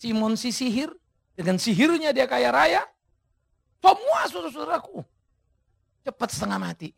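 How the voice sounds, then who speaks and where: A male pastor preaching an emphatic sermon, his voice swinging from hushed tones to shouts. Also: very high-pitched, very animated, moderate pace, gravelly, husky.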